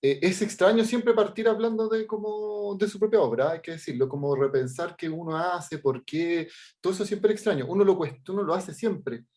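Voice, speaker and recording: This artist and teacher is a middle-aged man with a Chilean Spanish accent, and his voice is high with a darkish tone. Giving a workshop talk over a video call, he shows his work casually but hesitantly, restarting often, leaning on fillers, and repeatedly asking "¿ya?".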